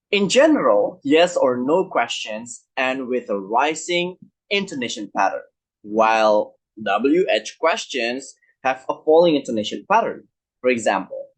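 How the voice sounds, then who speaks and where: A young man presenting a scripted English lesson, explaining points clearly and speaking directly to his viewers. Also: mid-range voice, low-quality recording. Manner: lively, instructive, addresses viewers directly. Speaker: student presenter teaching English.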